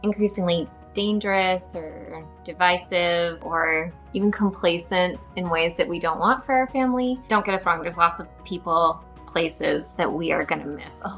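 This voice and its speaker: A woman in her thirties from the United States co-hosting a family vlog, speaking in a measured, reflective and friendly way. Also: lowish voice, fairly bright tone, faint music behind. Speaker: vlog co-host, mother. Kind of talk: casual family vlog talk.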